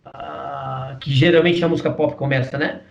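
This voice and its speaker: A man with a Brazilian Portuguese accent gives a patient voice lesson, his voice sitting a little high. He keeps checking that his listener is following and demonstrates different vocal registers. The mic is set back and the sound is dull and muffled. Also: expressive, a little slow, far from the mic. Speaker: singing teacher. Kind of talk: explanatory voice lesson.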